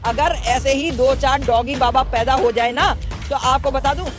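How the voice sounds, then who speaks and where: A woman's voice: high-pitched, moderate pace, music in the background. A woman answering a street interview outdoors, emphatic and indignant, often asking "right?" as she makes her points.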